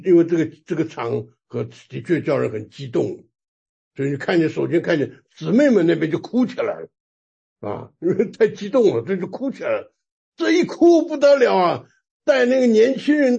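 A man gives an animated sermon, telling a personal testimony. His voice is gravelly and deeply husky, and his pitch leaps up and down. The recording sounds dull and lo-fi. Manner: animated storytelling, laughs often, repeats words. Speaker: preacher.

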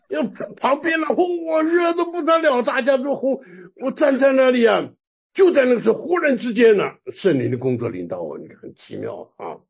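A man's voice: extremely high pitch, moderate pace, gravelly, slightly rough, dull audio. A man preaching a sermon in Mandarin, telling a personal testimony with laughter and repeated words. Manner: animated storytelling, laughs often, repeats words.

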